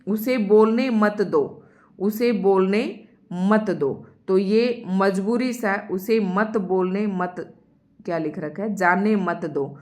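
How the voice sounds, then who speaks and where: A woman leads an online grammar lesson in a voice of ordinary, mid-range pitch. She works through each term patiently and says her example sentences twice, slowing down so the class can follow. She keeps speaking straight to her learners. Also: a little mellow. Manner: explains step by step, repeats example sentences slowly; addresses students directly. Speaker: Hindi grammar teacher.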